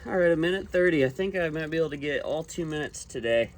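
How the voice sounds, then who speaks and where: A man talks to his vlog while sitting in ice-cold water, his fairly high voice strained and gasping with the shock of the cold. It is a casual self-filmed outdoor recording with some ambient noise. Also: lively intonation, quick pace. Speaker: vlogger documenting a challenge.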